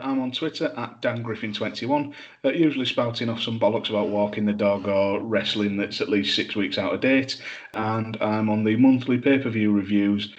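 A man co-hosting a podcast, chatting casually in a sweary, self-deprecating way. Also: fairly low pitch. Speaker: podcast co-host. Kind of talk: casual chat. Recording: dull lo-fi microphone.

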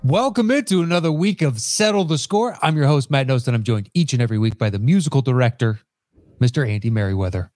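A man's voice: medium pitch, lively intonation, fast, darkish tone. A man hosting a casual podcast, introducing guests in an easygoing way with plenty of fillers. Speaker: podcast host.

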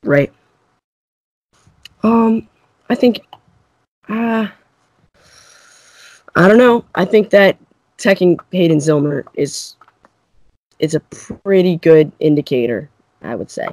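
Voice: medium pitch, slow, pauses often, darkish tone, no room sound. A co-host in a casual sports chat who thinks aloud hesitantly and often agrees. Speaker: podcast co-host.

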